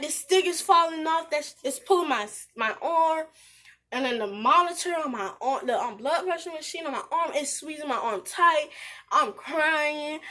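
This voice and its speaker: A woman vlogger with a high, bright voice tells a story to her viewers. She talks in an animated, breathless rush, restarting sentences and addressing her audience directly. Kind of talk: casual storytelling to camera.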